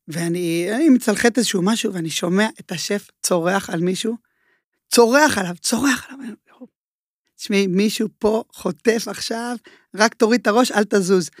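A man talking as a chef guest in a casual interview. He tells his stories in an animated way and uses a lot of filler words. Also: high-pitched, no echo, studio quality. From Israel.

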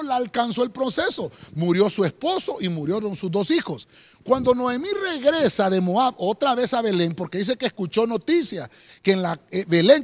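High-pitched animated man preaching. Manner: preaching with rising emphasis, repeated "hermano". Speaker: pastor. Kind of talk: sermon.

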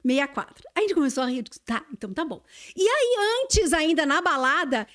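This woman works as a TV journalist and is sharing an anecdote on a laid-back podcast, dramatizing the quoted dialogue with animation. She talks briskly in a high-sitting voice.

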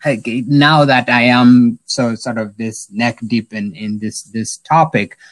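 A middle-aged man from South Sudan, an epidemiologist answering interview questions in a halting way with many fillers and restarts. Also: medium pitch, steady tone, dry recording, low-quality recording. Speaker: epidemiologist guest.

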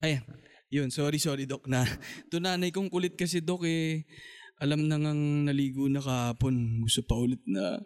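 A man's voice: fairly high pitch, steady tone, normal speed, darkish tone, clean tone. A man hosting a talk show in a playful, teasing casual chat. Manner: teasing, joking, plays skits. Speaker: podcast host.

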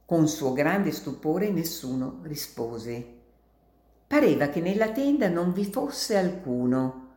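A woman reading an adventure story aloud in a slow, measured way. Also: low voice, sing-song, mellow, reverberant.

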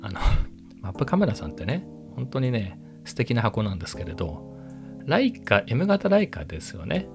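A man vlogging at home about his new camera lens, rambling casually and sometimes dropping to a hushed voice. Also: big pitch swings, normal speed, creaky, faint music behind. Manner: rambling, chatty, sometimes drops to a hushed low voice. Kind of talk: casual chat. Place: at home with family in next room.

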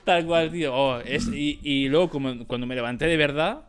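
A man's voice: fairly high pitch, normal speed, smooth, faint music behind. A man co-hosting a casual podcast chat, telling a story with lots of fillers and slang. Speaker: podcast co-host.

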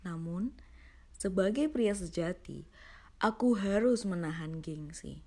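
A woman's voice: fairly low pitch, animated, slow, a little mellow. A woman who hosts a horror story show, reading aloud as a narrator. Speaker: host and reader of an online horror story show.

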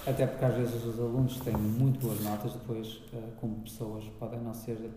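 A man with a European Portuguese accent, a teacher as podcast guest, talking in a calm, measured way and explaining patiently. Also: mid-range voice. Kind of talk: casual chat. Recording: echoey room with long reverb, faint noise.

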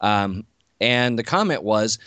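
Low-voiced man chatting on a podcast. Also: lively intonation, takes it slowly, pushed and bright, no echo. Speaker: podcast co-host. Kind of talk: casual chat.

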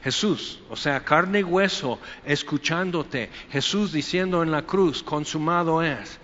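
A man preaching a Sunday sermon in a conversational, animated way, often acting out quoted voices. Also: fairly high pitch, a little slow, a little hiss or hum. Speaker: pastor. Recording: echoey hall, dull lo-fi sound.

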